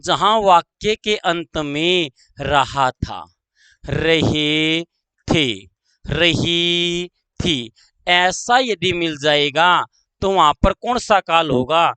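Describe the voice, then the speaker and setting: Slow, high-voiced teacher. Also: male voice, expressive, bright, forceful tone, clean tone, no room sound, poor audio. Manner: slow, drawn-out, repeats phrases and asks pupils questions. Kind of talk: online grammar lesson.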